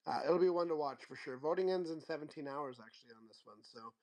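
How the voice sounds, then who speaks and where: A man hosting a casual livestream chat, relaxed and rambling, often trailing off and restarting his sentences. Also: fairly high pitch, fast talker. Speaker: show host.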